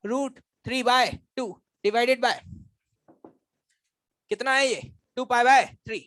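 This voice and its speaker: High-pitched man, physics teacher, classroom lecture, teasing, quizzing, dry close sound. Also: fairly even intonation, very slow, fairly bright tone, no echo. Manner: quizzes and teases students, addresses them as brothers. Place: classroom with students.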